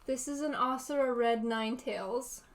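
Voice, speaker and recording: A woman's voice: sits high, normal speed. A playful young woman chatting casually while unboxing hobby kits, joking and giggling often. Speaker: co-host of hobby channel. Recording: background music under voice.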